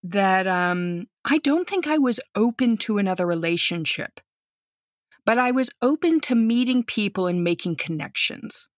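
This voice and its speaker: A medium-pitched woman speaks at normal speed in a dry, clean studio recording. She's an American teacher in her thirties, a guest who tells a casual story with animation and acts out what the people in it said.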